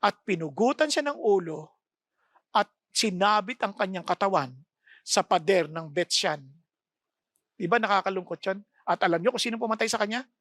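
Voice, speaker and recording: A woman preacher giving an expressive sermon and often asking her listeners questions. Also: medium pitch, normal speed, no echo. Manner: expressive, asks the congregation repeated questions.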